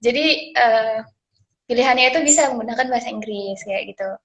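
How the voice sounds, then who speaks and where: A woman's voice: fairly high pitch, fairly quick. Hesitant young woman, guest speaker. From Aceh, Indonesia. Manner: hesitant, many fillers and restarts. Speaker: guest speaker, scholarship awardee. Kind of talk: live-stream sharing session.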